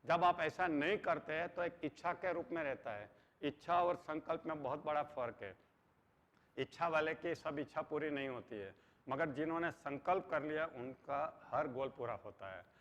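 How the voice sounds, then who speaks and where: A man's voice: on the high side, normal speed, fairly bright tone. A middle-aged man giving an earnest motivational lecture, mixing English phrases into his talk. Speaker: motivational trainer. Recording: dull sound with long hall reverb.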